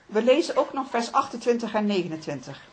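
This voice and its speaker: Calm, measured woman teaching scripture. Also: on the high side. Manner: calm, measured, with occasional restarts. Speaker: Bible study teacher. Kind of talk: reading scripture aloud and explaining it.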